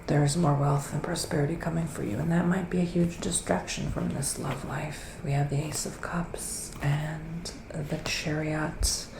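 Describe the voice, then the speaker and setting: In an intimate ASMR roleplay, a male performer plays a gentle psychic witch giving a tarot reading. His fairly high voice is soft and breathy, often dropping to a whisper, with slow, deliberate, soothing pauses. The sound is roomy, with noise in the background.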